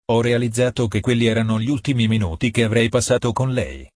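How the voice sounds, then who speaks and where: A man reading a novel aloud, calm and measured, partly in the first person. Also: mid-range voice, no room sound, studio quality. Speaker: audiobook reader.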